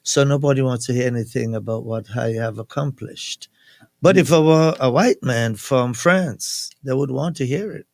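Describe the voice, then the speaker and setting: A man's voice: mid-range voice, normal speed, vocal fry, darkish tone, no echo, studio quality. A man from Saint Kitts with a Kittitian accent, speaking emphatically and plainly as a guest in a radio interview. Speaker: guest, national security advisor. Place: radio studio.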